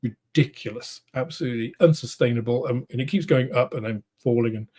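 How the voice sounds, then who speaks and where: A middle-aged man with a British accent, hosting a casual livestream, answering viewers in a rambling, thoughtful way with many pauses and restarts. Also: mid-range voice, a little mellow, slightly rough. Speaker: host of a model-making livestream. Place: home studio room.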